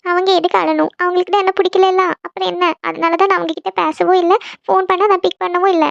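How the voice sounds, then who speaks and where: A hurt young woman in a cartoon, voiced by a woman, talks high and fast as she brushes off worry and insists nothing is wrong. The sound is dry and a little muffled. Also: flat delivery, creaky, no echo. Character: young woman, tearful and proud. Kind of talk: cartoon voice acting.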